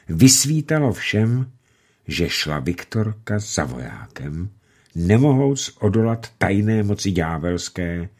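A man narrating a classic story aloud in a measured, expressive way. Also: deep voice, husky.

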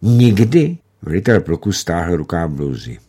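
Low husky man reading a novel. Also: lively intonation, a little mellow. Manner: measured dramatic reading, slows for tension. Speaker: audiobook narrator. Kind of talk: scripted novel narration.

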